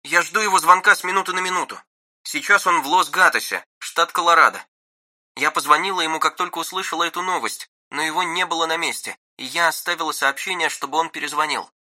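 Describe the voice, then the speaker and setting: Guy putting on a fussy high-pitched secretary, sharp bright tone. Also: fast, no room sound. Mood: flustered. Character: flustered middle-aged female secretary.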